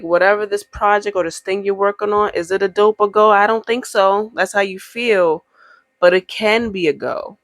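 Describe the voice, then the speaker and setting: A woman's voice: medium pitch, dry recording. A woman giving a casual, encouraging tarot reading straight to the viewer, talking in a chatty way with emphatic asides. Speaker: tarot reader.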